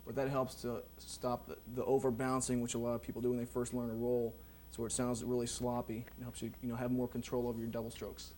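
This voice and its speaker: A man's voice: mid-range voice, fast talker. Guy explaining drum stuff, laid back, lots of ums, bit of hiss behind. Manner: relaxed, rambling, many ums and you knows. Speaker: drum instructor. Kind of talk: casual instructional explanation.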